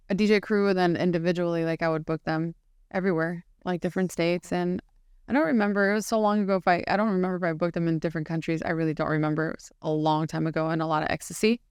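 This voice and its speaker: A woman's voice: on the low side, clean tone, no echo, clean studio sound. A woman hosting a podcast interview, chatty and laughing often, with many "like" fillers. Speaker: podcast host. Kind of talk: casual interview chat.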